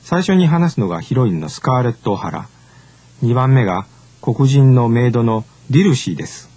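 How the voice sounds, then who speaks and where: Husky-voiced man giving a formal lecture. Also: medium pitch, animated, mellow. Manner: measured, formal and explanatory. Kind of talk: scripted lecture narration.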